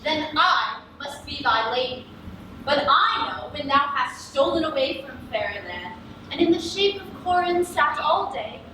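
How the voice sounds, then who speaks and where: A woman playing a proud, angry fairy queen in hammy, theatrical Shakespearean stage style. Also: high-pitched. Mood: scornful jealousy. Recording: distant echoey stage capture with faint noise.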